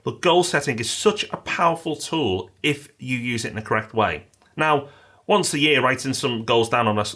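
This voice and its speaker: With a mid-range voice and a sharp tone, this British podcast co-host keeps the casual chat upbeat and promotional. He reads a listener review aloud from the mail.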